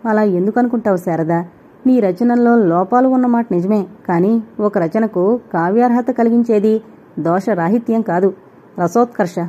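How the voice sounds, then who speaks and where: A woman doing a gentle, wise husband. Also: high voice. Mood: consoling. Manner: gentle, measured, philosophical. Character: calm, wise husband consoling his dying wife. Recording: dull lo-fi recording.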